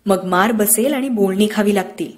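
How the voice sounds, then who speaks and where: A woman voicing a stern but loving village mother, speaking firmly and gently. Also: medium pitch, normal speed, lightly acted. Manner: firm, scolding yet gentle.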